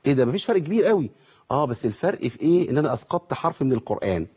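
A man with an Egyptian Arabic accent teaching Quran recitation, asking his viewers rhetorical questions and slowly sounding out examples. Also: mid-range voice, sing-song, darkish tone, husky, dull audio. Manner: asks rhetorical questions, demonstrates pronunciation slowly. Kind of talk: televised lesson.

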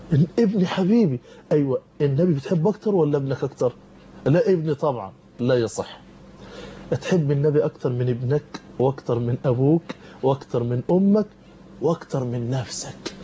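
Fervent, fast-talking Egyptian preacher man. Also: a little high, dark tone, highs cut off, slight background noise. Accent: Egyptian Arabic. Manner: fervent, urgent warnings. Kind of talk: televised sermon. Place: television studio.

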